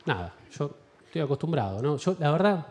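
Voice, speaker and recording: A man with an Argentine accent doing a stand-up comedy set in a theater, telling animated stories and acting out voices. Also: fairly high pitch, a little fast. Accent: Argentine Spanish. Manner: animated storytelling with acted-out voices. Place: large theater with live audience.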